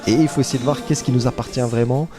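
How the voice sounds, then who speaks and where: A man's voice: mid-range voice, steady tone, quick pace, music in the background. A man, an actor and playwright, talking thoughtfully in an interview with frequent hesitations. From Lebanese-born family, raised in Guinea. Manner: thoughtful, hesitant with many fillers. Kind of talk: casual interview.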